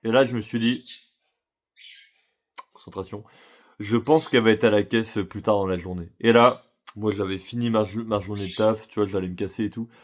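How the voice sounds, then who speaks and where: Speaking to the listener directly, this male vlogger shares a personal story in casual slang. His voice is lowish and steady, at a moderate pace with frequent pauses.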